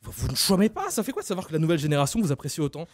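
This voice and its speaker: A man hosting a comic radio column, briskly interviewing the guests he impersonates, in a radio studio. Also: on the high side, wildly swooping pitch, darkish tone.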